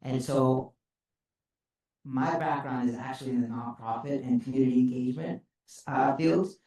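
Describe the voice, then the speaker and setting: A man from El Salvador introducing himself as a panelist, earnest and deliberate. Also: mid-range voice, fairly even intonation, dark tone. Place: conference hall. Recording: echoey conference hall.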